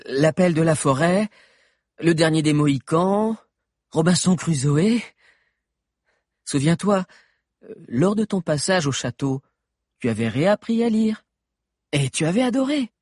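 A man voicing a cheerful, eager teenage boy in an audiobook, with a bright, upbeat delivery. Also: a little high, expressive, unhurried, pauses often, dry recording, clean studio sound, pitched above the performer's own voice.

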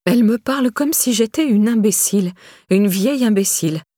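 A woman's voice: medium pitch, expressive, brisk, mellow, no echo, pitched above the performer's own voice, lightly acted. A woman reading an audiobook and voicing a frail, kindly old lady in a lightly raised voice, in a dry, close recording. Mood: fretful. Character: old woman, frail and fretful but kind.

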